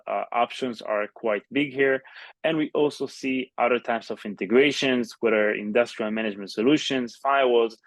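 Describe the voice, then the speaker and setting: A man delivers a software sales pitch in a product demo style. His voice sits at a middle pitch in a dry, close sound. He explains step by step, pausing often as he goes. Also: no room sound.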